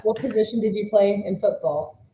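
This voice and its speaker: A woman's voice: medium pitch, normal speed, warm tone, slight background noise. A woman co-hosting a podcast, asking curious questions. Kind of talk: casual interview. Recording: roomy, dull-sounding.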